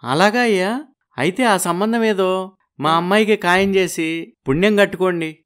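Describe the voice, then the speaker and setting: A man's voice: sits high, moderate pace, a bit bright, clear, resonant tone. A humble pleading village father. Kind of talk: animated storybook voice acting.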